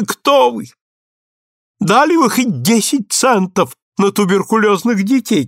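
A man's voice: creaky, no echo, studio quality, heavily acted. A man reading aloud and voicing a gushing, theatrical society lady with breathless, exalted speech. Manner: breathless, exalted, swooping high.

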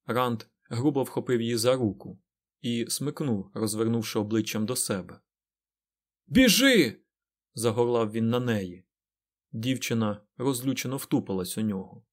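A male audiobook narrator with a mid-range voice reads scripted fantasy prose in a measured, deliberate way. He slows down and stretches some phrases to let them land. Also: mid-range voice, fairly even intonation, darkish tone.

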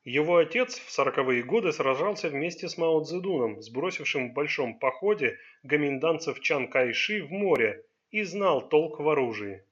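A man narrating a crime novel in a steady, even reading. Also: a little high, normal speed, hardly any pauses, muffled recording. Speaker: audiobook narrator. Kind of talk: scripted narration.

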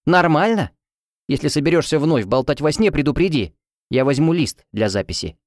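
A man voicing a sharp-tongued, irritable young woman who shares a room, speaking in a scolding, snappy way. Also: a little high, lively intonation, moderate pace, dry recording, studio quality, pitched above the performer's own voice, lightly acted.

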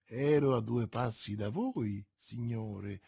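Man reading as a sighing lovesick lawyer's wife, soft and pleading, slow, husky. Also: medium pitch, no room sound, studio quality, voice pushed down, heavily acted. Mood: coy. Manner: plaintive, pleading.

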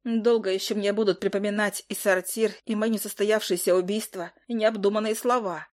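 Brief: woman narrator, expressive first-person fantasy audiobook reading. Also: medium pitch, a little fast. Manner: expressive, emphatic.

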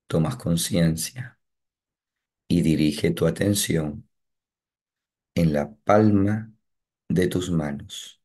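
In a guided meditation, a man speaks calm instructions in short bursts with long gaps between them, his voice low-pitched.

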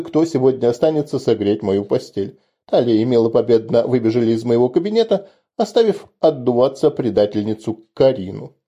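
A man narrating a first-person fantasy audiobook in an even, measured way. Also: mid-range voice. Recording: dull lo-fi recording.

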